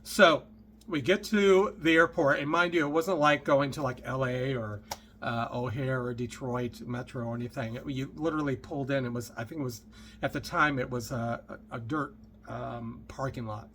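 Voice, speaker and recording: Bright-voiced man telling a story. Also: mid-range voice, fairly even intonation, normal speed, slight background noise. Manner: chatty, rambling, with many fillers and asides. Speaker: lecturer telling a personal story. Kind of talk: casual storytelling to camera.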